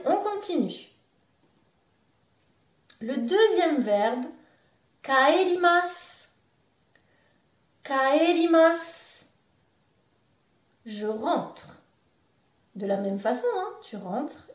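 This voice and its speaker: Woman teacher, high voice, slow patient delivery, echoey room, mic a bit far. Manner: slow, patient, repeats words for the learner. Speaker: Japanese language teacher. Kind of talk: beginner language lesson. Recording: roomy echo, voice a bit off-mic.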